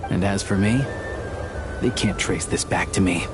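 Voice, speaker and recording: Low-voiced roguish hunter, wry. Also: male voice, a little slow. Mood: nonchalant, assured. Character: sly roguish male hunter and outlaw, wry, unflappable. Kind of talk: scripted video game voice acting. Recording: music behind the voice. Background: music.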